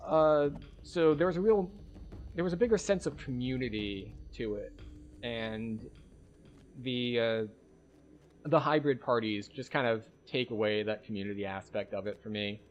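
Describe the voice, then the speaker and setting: A man's voice: medium pitch, normal speed, muffled recording. Rambling male game streamer, faint noise behind. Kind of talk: casual gaming commentary, chatting with viewers.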